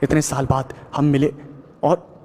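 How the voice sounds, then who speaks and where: A man's voice: mid-range voice, level tone, a little slow, darkish tone, natural voice. A man voicing a mysterious young woman in a horror audio story, coaxing and insistent, in a slightly raised voice.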